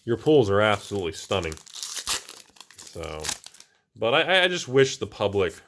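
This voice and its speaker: A man talking casually to his viewers, his pitch swinging up and down as he gets excited. He rambles and restarts his sentences. There is a faint hiss of noise in the background. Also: normal speed. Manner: animated and exclaiming, rambling with restarts. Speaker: channel host. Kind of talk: casual commentary while opening card packs.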